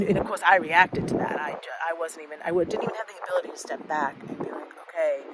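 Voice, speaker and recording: A middle-aged woman speaking candidly in a halting, reflective personal monologue, with many fillers and restarts. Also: low voice, background noise. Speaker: podcast host.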